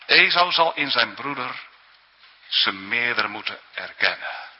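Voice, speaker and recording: Slow husky-voiced male preacher. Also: mid-range voice, animated. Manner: earnest, emphatic, frequent tag questions. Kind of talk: sermon. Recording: dull lo-fi recording in a reverberant church hall.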